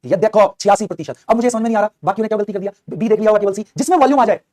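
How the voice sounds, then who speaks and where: Fast-talking, coaxing chemistry teacher man. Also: sits high. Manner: energetic, coaxing, voices students' replies himself. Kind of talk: online lecture.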